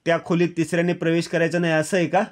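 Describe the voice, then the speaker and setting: A woman's voice: lowish voice, flat delivery, rapid-fire, close to an everyday voice. Taunting scheming rival woman, read by a man. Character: scheming young rival woman, mocking and cruel.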